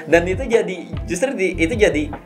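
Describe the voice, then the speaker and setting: A man's voice: high-pitched, animated, fairly quick, over music. Man with a lilt explaining. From Makassar, South Sulawesi, Indonesia. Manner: explains patiently with many fillers, acts out local phrases. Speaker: podcast host. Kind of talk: casual podcast chat.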